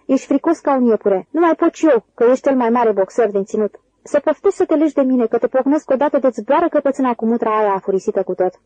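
A woman's voice: fairly high pitch, expressive, warm tone, no echo, rough recording. Curley, a woman doing a bullying ranch man. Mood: belligerent. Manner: taunting, picks fights. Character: short-tempered young ranch boss's son, bully.

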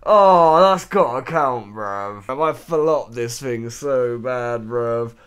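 A man's voice: mid-range voice, takes it slowly, fairly bright tone, smooth. A young man hosting a reaction video, laughing and incredulous, full of street slang.

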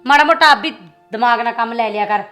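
An actress playing a proud, sharp-tongued wife bickering with her husband in a short film. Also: on the high side, fast, faint music behind, lightly acted. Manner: taunting, bickering.

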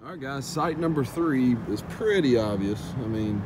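Filmed on a phone camera at arm's length in a car that is parked or moving, a young pressure washing business owner talks to his viewers, chatty and relaxed, addressing them as "guys." His mid-range voice is expressive at normal speed, with road, car and outdoor noise behind it.

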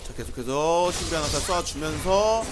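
A man commentating live on an online game match. His voice sits high and moves around a lot, with an excitable delivery. Game music plays behind him. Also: normal speed, poor audio. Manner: excitable, shouting at big plays.

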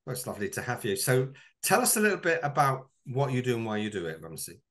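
A man's voice: mid-range voice, very animated, quick pace, fairly bright tone. A middle-aged man hosting a business interview over a video call, friendly, often repeating words as he frames his questions. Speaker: interview host. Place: home room indoors. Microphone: webcam on a video call.

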